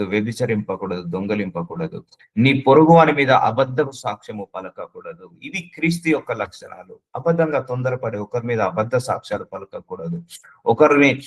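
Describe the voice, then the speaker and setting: A man's voice: mid-range voice, animated, normal speed, low-quality recording. A man preaching a sermon, earnestly addressing the listener with repeated questions and slipping English words into his speech.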